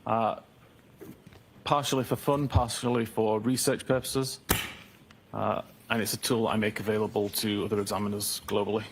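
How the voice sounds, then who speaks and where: A man with a low voice testifies as an expert witness, and the sound is a courtroom recording with a faint hiss underneath. He answers in a measured, technical way and often pauses on "uh" before he goes on. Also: level tone.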